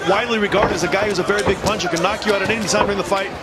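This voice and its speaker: High-voiced male boxing commentator over loud crowd. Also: steady tone, very fast. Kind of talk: live sports commentary. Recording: loud arena crowd noise. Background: roaring crowd.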